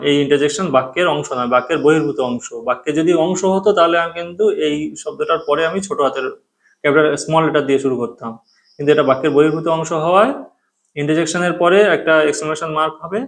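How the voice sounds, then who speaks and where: A male grammar teacher whose first language is Bengali and whose voice sits a little high. He explains step by step, repeating key terms and checking that the class is following.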